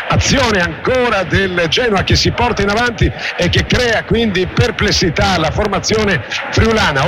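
An Italian male radio commentator calls a football match live. His voice sits high and runs on in flowing, formal phrases. The stadium is loud behind him. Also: heavy background noise. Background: loud stadium ambience.

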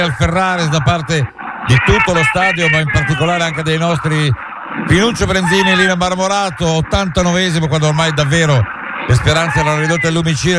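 A man co-commentating live on a football match for radio, recapping the play from the stadium. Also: fairly high pitch. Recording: very noisy stadium radio broadcast.

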